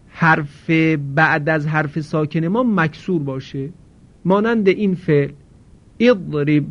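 A man with a slightly high voice leads a grammar lesson at a slow, deliberate pace. He puts questions to his students and answers them himself. The recording is dull and lo-fi. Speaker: Arabic grammar teacher.

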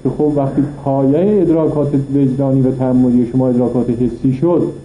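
In a classroom philosophy lecture, a man reads passages from an Arabic text, then explains them in Persian point by point, using rhetorical questions. His mid-range voice keeps a steady tone. The recording is reverberant and lo-fi, with a little hiss or hum.

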